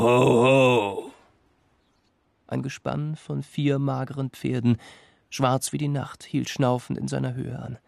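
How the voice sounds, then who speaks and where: A man narrating a fairy tale with measured, dramatic telling. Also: mid-range voice, vocal fry, darkish tone, slight background noise. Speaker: storyteller.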